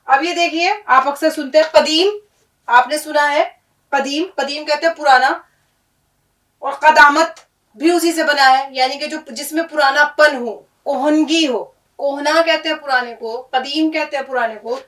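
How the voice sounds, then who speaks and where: High-voiced woman teaching, a little off-mic. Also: fairly even intonation, a bit bright, recorded from a distance, rough recording. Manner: patient, explains each word and often asks "isn't it?". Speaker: Urdu teacher. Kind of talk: teaching Urdu pronunciation on a board.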